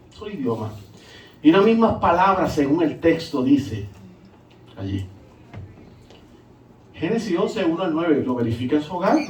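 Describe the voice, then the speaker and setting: A middle-aged man, a pastor preaching a sermon in a sing-song, animated way, full of rhetorical questions. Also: a little high. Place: church sanctuary. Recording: echoey church hall, mic at a distance.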